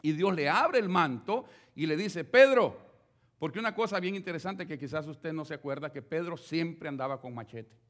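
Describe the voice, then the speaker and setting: A man's voice: on the high side, a little fast, hardly any pauses. A man preaching a sermon, speaking straight to his listeners with rhetorical questions. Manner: animated, addresses listeners directly with rhetorical questions.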